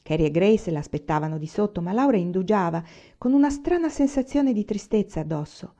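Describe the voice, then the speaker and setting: A woman reading a novel aloud in a steady, even storytelling manner. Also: medium pitch, a little fast. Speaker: audiobook reader.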